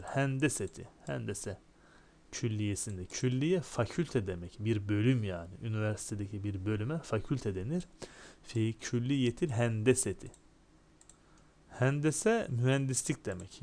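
A man's voice: medium pitch, darkish tone. A man teaching a recorded lesson, explaining and translating line by line and asking and answering his own questions, with dry classroom jokes. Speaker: Arabic teacher.

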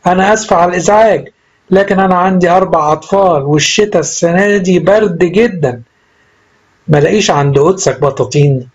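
Storybook poor widow, read by a man, Egyptian Arabic accent, apologetic, slightly higher and husky. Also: quick pace, muffled recording. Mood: pleading. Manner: polite, apologetic pleading. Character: poor young widow, pleading and humble.

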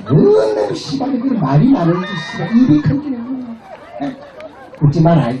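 Brief: husky man, bawdy outdoor stage comic, high lively voice, heard from afar over a roomy PA. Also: unhurried, highs cut off, background noise. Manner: crude, swearing, mimics voices, laughs between jokes. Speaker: pumba street performer. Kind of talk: bawdy stage comedy banter with the crowd. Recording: roomy PA sound from far off, crowd. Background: crowd and music.

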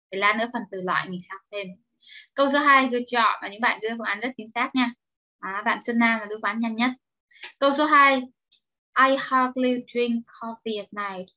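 A woman's voice: fairly high pitch, pushed and bright, lo-fi sound. A woman teaching an online English grammar class, explaining step by step and encouraging her students. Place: home or office, online class.

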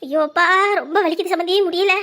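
A woman playing an older mother-in-law who groans and wails in pain, with a sharp tongue, in a serial-style drama. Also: very high-pitched, fast talker. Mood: groaning. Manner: moaning, wailing, sharp-tongued. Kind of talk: TV serial acting.

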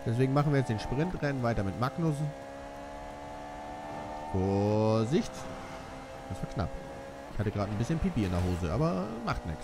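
A young man makes self-deprecating jokes while playing a racing game, giving casual let's-play commentary. His medium-pitched voice swings widely, he keeps a moderate pace with frequent pauses, and there's background noise along with game music and car sounds.

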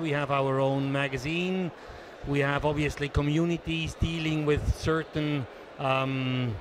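Swiss man, measured, slightly high voice. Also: noisy background. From Switzerland. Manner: measured, businesslike, many hesitations. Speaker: interviewee, association treasurer. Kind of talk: conference interview. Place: conference booth indoors. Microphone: handheld mic.

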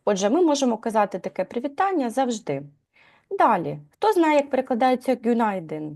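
Lively woman teaching a language lesson. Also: fairly high pitch, fairly quick. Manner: explains patiently, asks students questions, many fillers. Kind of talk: live online language lesson.

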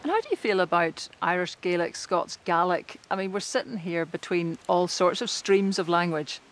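A woman's voice: on the low side, expressive, normal speed. A woman interviewing someone in a conversational way.

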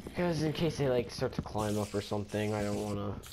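A man's voice: brisk, noisy background. A young man giving casual Let's Play commentary as a gaming video host, talking in a hesitant, rambling way. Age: teen to young adult. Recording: low voice level under music. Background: game music.

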